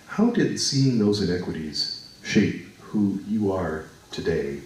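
A middle-aged man hosts with formal, courteous phrasing, his voice low. He sounds distant in a very echoey hall, with faint room noise behind. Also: big pitch swings, slow, darkish tone. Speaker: host. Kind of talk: interview hosting. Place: small hall on a stage. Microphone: handheld mic.

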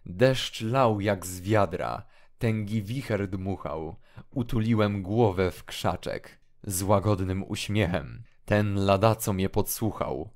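A man's voice: low voice, slow pace, darkish tone. A man reading an audiobook drama, voicing an anguished young hermit who talks in a mournful, agitated way. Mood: brooding. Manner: mournful, rising into agitated outbursts. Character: anguished young male hermit, feverish and brooding.

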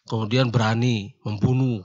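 A man calmly explaining religious teachings in a casual radio discussion, laughing now and then. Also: medium pitch, moderate pace. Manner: calm, explaining, laughs easily, mixes in local words. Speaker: martial arts teacher answering questions. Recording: dull lo-fi online radio sound.

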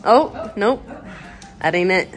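A woman cheering and laughing excitedly during a casual family vlog. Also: medium pitch, takes it slowly, heavy background noise.

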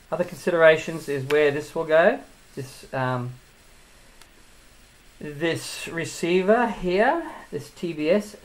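A man's voice: a little high, low-quality recording. A man giving a casual hands-on tutorial as he builds a drone, thinking aloud and drifting into asides.

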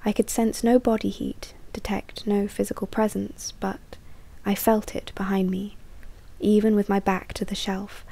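A woman reading a novel aloud as an audiobook, often dropping into a soft whisper. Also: medium pitch, creaky. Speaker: audiobook reader. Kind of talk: audiobook narration.

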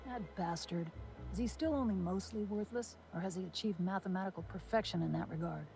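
A woman's voice: medium pitch, fairly quick, vocal fry, dark tone, faint music behind, close to an everyday voice. A woman playing a bitter, sardonic ex-scientist. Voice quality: dry, sardonic, world-weary. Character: bitter, sarcastic former testing supervisor woman. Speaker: game character.

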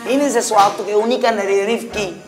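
A woman's voice: mid-range voice, fairly even intonation, moderate pace, natural voice. An actress playing a cheeky young woman college student, joking and telling a tall tale with sound effects. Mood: teasing. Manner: playful, giggly storyteller, sound effects. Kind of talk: sitcom acting. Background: background music.

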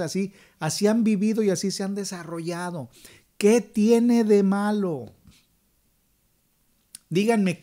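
A man's voice: sits high, a little mellow. A middle-aged Mexican man with a Mexican accent, giving an opinion monologue and asking the viewers rhetorical questions. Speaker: channel host.

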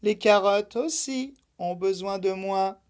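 A woman voicing a gentle, patient female spirit of the Night, soft and coaxing. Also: medium pitch, takes it slowly, clean tone, pitched above the performer's own voice, close to an everyday voice. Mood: persuasive.

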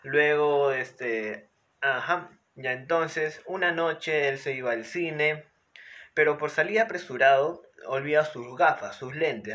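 Chatty man with a bright voice. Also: mid-range voice. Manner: chatty, with frequent filler words and restarts. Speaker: book reviewer. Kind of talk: casual spoken book analysis.

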